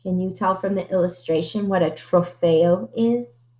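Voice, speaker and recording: A woman reading a picture book aloud to children, animated and stopping to ask her listeners questions. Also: fairly low pitch, measured pace, echoey room.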